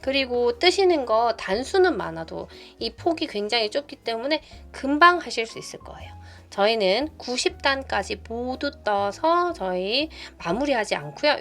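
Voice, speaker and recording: Patient, gently instructive woman crochet teacher. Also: a little high. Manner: patient, gently instructive, counts stitches aloud. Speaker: knitting tutorial host. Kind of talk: step-by-step crochet tutorial. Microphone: phone camera. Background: soft background music.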